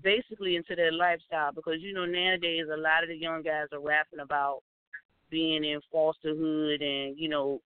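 A man's voice: fairly high pitch, clean tone, no room sound. A man co-hosting a talk radio show, chatting casually with a guest and encouraging him with frequent murmurs. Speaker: radio co-host. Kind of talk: casual interview chat. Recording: tinny phone line.

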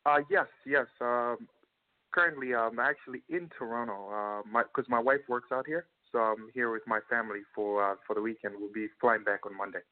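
A man's voice: mid-range voice, steady tone, fairly quick. A man calling in to chat casually, answering politely and with some hesitation. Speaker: caller. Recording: thin phone call on radio.

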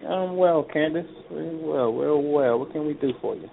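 A man's voice: a little high, moderate pace, gravelly, noisy background. A man hosting a call-in astrology reading, talking in an encouraging, folksy way. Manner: encouraging, folksy, uses y'all. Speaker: astrology and tarot reader, co-host. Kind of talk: call-in reading, casual advice. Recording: tinny phone line.

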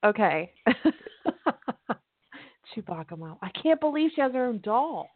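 A woman's voice: on the high side, big pitch swings, a little slow, no echo. A woman hosting a podcast in casual chat, giggly and chatty. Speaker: podcast host. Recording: dry, phone-like line.

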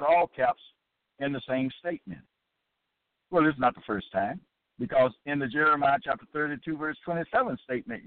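A man's voice: mid-range voice, no echo. A man teaching from scripture in an emphatic monologue, repeating key phrases and stretching out quoted verses. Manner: drags out scripture quotes slowly. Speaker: Bible teacher. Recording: dry, tinny phone-like sound.

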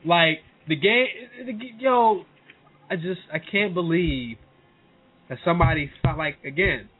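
A man's voice: a little high, unhurried, breathy edge. A man with an American accent in casual, slangy chat as a podcast co-host talking games. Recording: tinny phone-like voice call, music behind.

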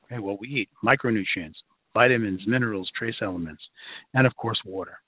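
Male lecturer, Brooklyn accent. Rough-edged voice, conversational and emphatic teaching style, dry telephone-band recording. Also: lowish voice, fairly quick, no echo. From Brooklyn, New York. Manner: emphatic, conversational, folksy, checks in often. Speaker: lecturer, health educator. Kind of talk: informal lecture to a class. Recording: narrow phone-like line.

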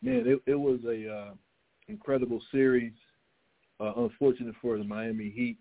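A man of average pitch with a fry-edged voice offers casual sports commentary as a radio panelist. The line is narrow and tinny. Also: normal speed.

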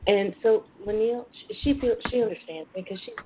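A woman's voice: mid-range voice, brisk. A woman hosting a casual radio talk show in a chatty, sassy, bawdy manner. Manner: sassy, bawdy, uses endearments. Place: front porch at home. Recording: phone-like internet radio line with hiss.

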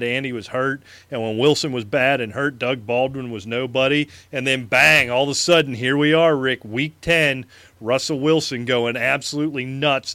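A man co-hosting a fantasy sports show, talking football emphatically in casual chat and repeating words when excited. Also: mid-range voice, dry recording. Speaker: fantasy sports podcast co-host.

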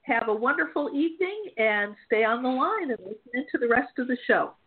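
A high-pitched woman speaks in a chatty, reassuring way and laughs easily. She hosts a call-in psychic reading show, and her voice comes over a thin, tinny phone line. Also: expressive, a little fast, slightly rough. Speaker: psychic medium host.

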